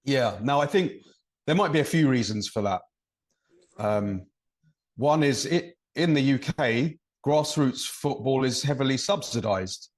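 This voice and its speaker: An English man who is a referee and podcast co-host speaks at a medium pitch, expressive and unhurried. In casual conversation he gives long, thoughtful explanations full of examples.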